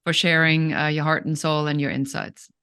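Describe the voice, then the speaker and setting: A woman's voice: sits low, steady tone, moderate pace, pushed and bright, clean tone. A woman podcast host speaking conversationally, in an appreciative, encouraging manner. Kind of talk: conversational interview hosting.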